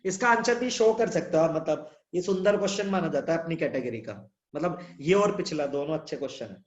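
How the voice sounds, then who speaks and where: A high-voiced man teaching chemistry over an online class, blunt and teasing with his students. His voice booms back with a cave-like echo from the room. The sound is dull and muffled. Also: fairly quick. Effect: echoing voice, like in a cave. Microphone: no earphones, device mic.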